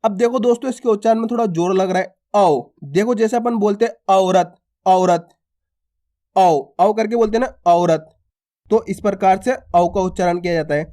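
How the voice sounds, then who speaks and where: A man's voice: high voice, brisk, dark tone. A man teaching how to read the alphabet, drawing out each letter sound and then giving example words, often checking whether his listeners follow. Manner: addresses listeners as friends and asks if they follow. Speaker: Hindi reading teacher. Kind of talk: alphabet lesson.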